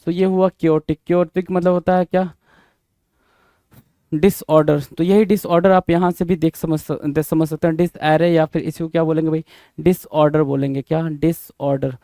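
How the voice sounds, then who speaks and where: A man with a gravelly, warm, somewhat high voice teaches English vocabulary for exams, his delivery flat and his pace moderate. Casual and informal, he calls students brother, repeats and spells out words letter by letter, and answers his own questions in call and response. The recording is dry.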